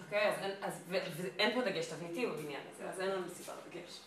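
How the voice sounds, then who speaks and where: A woman teacher talks her class through grammar points with patient, step-by-step explanations, her voice sitting a little low. She is picked up from across the room, so the classroom echo rings around her, with a faint hum of ambience underneath. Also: a bit bright. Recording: echoey classroom from far off.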